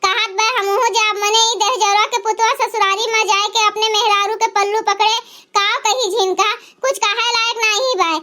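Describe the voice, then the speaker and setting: A woman's voice: extremely high pitch, fairly even intonation, moderate pace, bright, forceful tone. A woman voicing a bitter older mother-in-law in a cartoon, nagging and ranting. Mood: scolding. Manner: nagging, ranting, name-calling. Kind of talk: cartoon voice acting.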